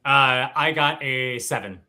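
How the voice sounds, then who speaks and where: A man taking part in a tabletop game, checking rules and describing his character's moves a little hesitantly. His voice is very bright and forward. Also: medium pitch, slow. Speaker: player. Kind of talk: tabletop role-play.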